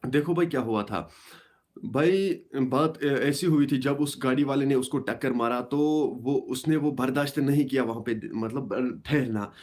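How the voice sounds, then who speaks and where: A young man hosting a casual live stream, talking in a halting way with many restarts and repeated phrases. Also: medium pitch, a little mellow. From Kashmir.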